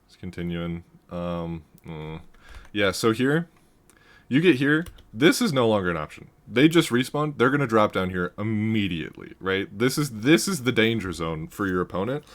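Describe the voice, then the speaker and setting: A man's voice: fairly low pitch, moderate pace. A man casually breaking down a recorded game match, rambling, correcting himself and often laughing. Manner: rambling, self-correcting, laughs often, gets loud when excited. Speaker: gaming commentator reviewing a match. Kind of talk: casual game analysis commentary.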